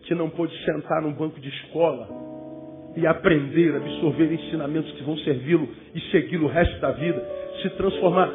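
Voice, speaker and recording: A man with a slightly high voice speaks fairly quickly, preaching as a pastor to young people. He's emphatic, using rhetorical questions and joking asides. The phone-like recording has loud music.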